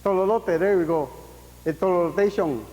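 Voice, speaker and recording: A pastor preaches with fervor, his fairly high man's voice climbing to emphatic peaks as he fires off rhetorical questions. He slips casual English phrases into the sermon. The recording carries the long, ringing echo of a church hall. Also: normal speed, darkish tone, highs cut off.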